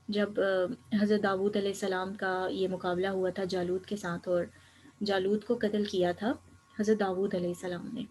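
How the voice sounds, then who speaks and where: A woman's voice: medium pitch, a little mellow, slight background noise, low-quality recording. A woman teaching an Arabic grammar lecture, explaining each step patiently and slipping English terms into her talk.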